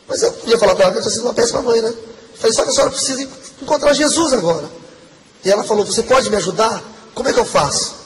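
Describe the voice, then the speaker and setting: Man preacher, testimony sermon, high voice, long hall reverb, faint noise behind. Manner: earnest, emotional storytelling, addresses the congregation.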